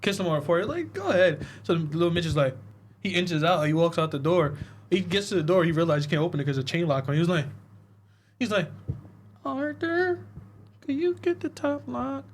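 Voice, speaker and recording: A man on a casual podcast, retelling a movie's plot with animated storytelling and acting out the characters' lines. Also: a little high, quick pace, a little hiss or hum. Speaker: podcast co-host reviewing a film. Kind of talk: casual chat.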